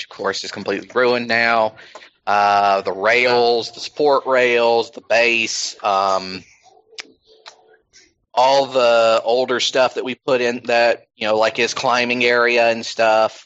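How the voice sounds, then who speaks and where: A man hosting a casual podcast chat, wandering from point to point with lots of ums and self-corrections. His voice sits at an ordinary middle pitch. The recording sounds a little dull and lo-fi. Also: fairly bright tone. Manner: rambling, many ums and restarts.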